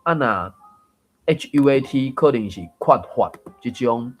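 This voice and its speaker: A man's voice: medium pitch, animated, unhurried. Guy going over tone changes, lots of uh and restarts, faint music behind. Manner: thinks aloud with many fillers and restarts. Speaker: Taiwanese reading coach. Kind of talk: casual explanatory lesson.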